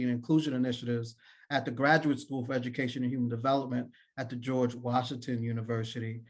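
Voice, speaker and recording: A man from Trinidad and Tobago gives a polite, formal introduction during an online conference session. His voice is mid-pitched for a man, and he speaks graciously over a video call. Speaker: assistant professor, session respondent.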